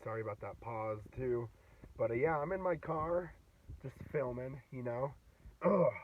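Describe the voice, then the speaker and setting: A man's voice: mid-range voice, unhurried, a little hiss or hum. A man in his twenties with a sore throat from a cold, rambling through a casual vlog from inside his car, full of fillers and restarts. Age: 20s. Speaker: vlogger. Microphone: phone. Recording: dull, distant phone audio in a car.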